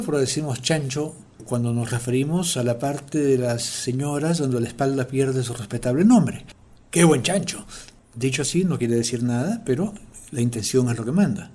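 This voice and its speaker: This man from Peru has a Peruvian Spanish accent and a mid-range, warm, animated voice at normal speed. Hosting a language segment, he explains words playfully and acts out everyday quotes.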